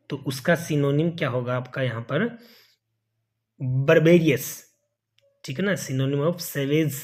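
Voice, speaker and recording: Slow, measured Indian male exam tutor. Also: medium pitch. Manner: reads each question, asks it back, then explains the answer; reads English prompts slowly and deliberately. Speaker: exam prep teacher. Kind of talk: exam question walkthrough lesson.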